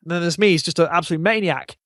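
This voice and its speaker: Fast and a bit bright, a fairly high-pitched man speaks in a dry, studio-quality recording. As a podcast guest who founded a YouTube channel, he rambles casually and enthusiastically about his gaming channel in an interview chat.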